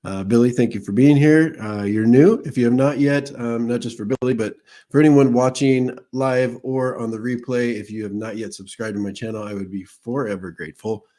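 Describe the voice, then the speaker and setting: A man's voice: medium pitch, fairly even intonation, moderate pace, warm tone. A man who is a psychic medium hosts a casual live stream, chatting with viewers in a rambling way and greeting them by name. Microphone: streaming microphone.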